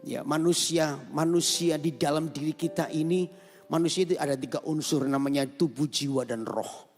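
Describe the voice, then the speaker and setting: Male pastor, emotional storytelling sermon; gravelly, fairly high voice, long hall reverb. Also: steady tone, normal speed, a little mellow, faint music behind. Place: large venue, rooftop church service.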